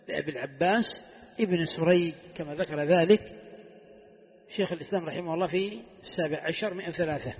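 With a high, husky voice, a man leads a classical text lesson as a sheikh, quizzing his students and going back over key phrases. The audio comes from an echoey hall and has a thin, phone-like quality.

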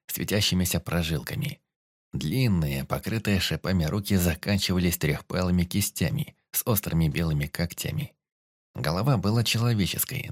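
A man's voice: low-pitched, dry recording, clean studio sound. A man narrating a first-person fantasy audiobook dramatically, voicing all the characters himself.

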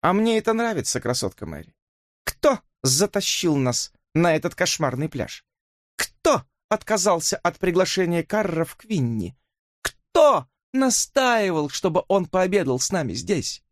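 A man's voice: high-pitched, sing-song, measured pace, no room sound, clean studio sound, voice pushed up. A man reading an audiobook, voicing a flippant, mocking young woman who drawls her words. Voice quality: drawling, teasing.

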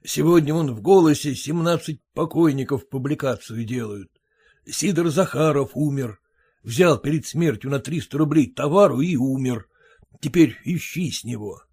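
A man's voice: a little high, normal speed, darkish tone, slightly rough. A man voicing a fussy, self-important merchant husband who lectures and grumbles. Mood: grumbling. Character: pompous fussy merchant husband, fearful of typhus.

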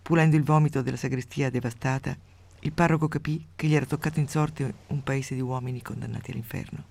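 A woman radio host reading a literary passage aloud with dramatic swings from hushed to loud, then chatting with a guest. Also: rumbling low, steady tone, quick pace, vocal fry.

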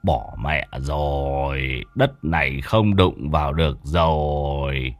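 A man voicing a grim village shaman who mutters slowly and darkly. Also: no room sound, faint music behind. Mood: grim dread. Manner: low, slow, muttering dread.

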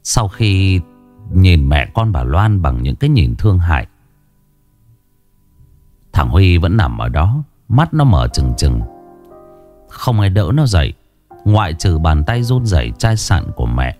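A man narrating a ghost story in a slow, somber, dramatic way. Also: sits low, big pitch swings, mellow, faint music behind.

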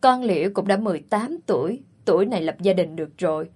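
A woman voicing a stern, bossy middle-aged aunt in a storybook reading, scolding and insisting with a husky voice. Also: on the low side, lively intonation, quick pace, a little mellow. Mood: insistent.

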